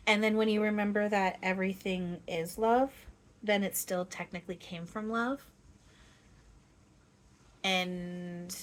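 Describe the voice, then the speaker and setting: A woman speaking as a seance medium, voicing a gentle, playful, loving spirit guide who teaches in halting phrases with long pauses. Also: on the low side, low-quality recording. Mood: gentle, teaching. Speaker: trance channeler. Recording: clear steady background noise.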